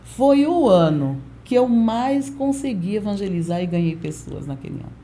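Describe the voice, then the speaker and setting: A woman pastor in her forties, a podcast guest telling a lively testimony and acting out the voices of people in it. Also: medium pitch, moderate pace, a little hiss or hum. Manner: lively storyteller who acts out quoted voices. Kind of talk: storytelling testimony in a podcast interview.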